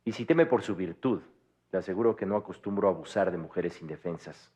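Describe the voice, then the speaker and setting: An actor playing a proud, bitter orphaned young man in a 1990s Mexican telenovela, speaking gravely with a Mexican Spanish accent. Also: sits low, dark tone. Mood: defiant. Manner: grave, bitter, measured delivery. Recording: dull lo-fi TV audio, faint score.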